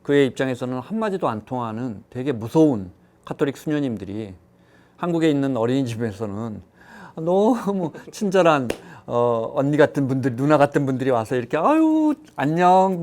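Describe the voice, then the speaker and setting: A middle-aged man chatting on a talk panel, telling personal stories and acting out quoted voices. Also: medium pitch. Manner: storytelling, animated quoting of others. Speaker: economics show panelist. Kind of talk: casual chat.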